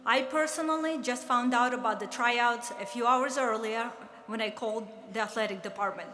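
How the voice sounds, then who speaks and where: A woman in her fifties, originally from the Soviet Union and speaking with a Russian accent, earnestly reminisces as a former player giving an induction speech at an awards ceremony. Her voice is a little high and fairly bright, with a slight hiss or hum over the echoey large hall's faint ambience.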